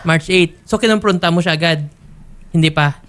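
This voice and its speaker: A host with a Filipino accent, probing politely in a complaint-show interview. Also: male voice, a little high, normal speed, a bit bright. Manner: polite, probing, many "sir" and "ma'am".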